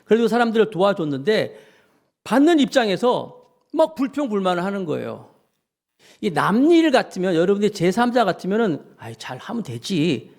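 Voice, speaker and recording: A male pastor giving a lively sermon, acting out grumbling voices and asking his congregation questions. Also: high voice, fairly quick, creaky.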